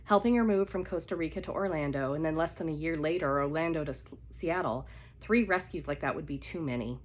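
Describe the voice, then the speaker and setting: Her voice sits low and moves a little fast as she reads romance fiction live by the fire at home. She's congested from a cold, and the reading is casual and unedited.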